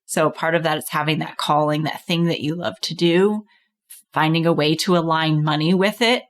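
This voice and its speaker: Casting note: woman podcast host, coach, somewhat low voice, encouraging and chatty. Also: fairly even intonation, moderate pace. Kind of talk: casual interview chat.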